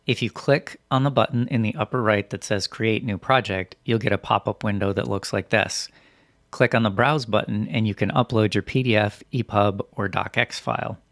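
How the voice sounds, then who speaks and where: A man reading scripted instructional narration as a software tutorial presenter, in a methodical, step-by-step way. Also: fairly low pitch, fairly even intonation, normal speed, no room sound, studio quality.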